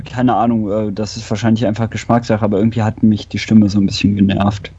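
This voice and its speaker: A man's voice: fairly low pitch, little pitch movement, fast talker, warm tone, husky, no echo. A man in a casual chat, hesitant and full of fillers as he gives his view. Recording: dry, dull lo-fi sound.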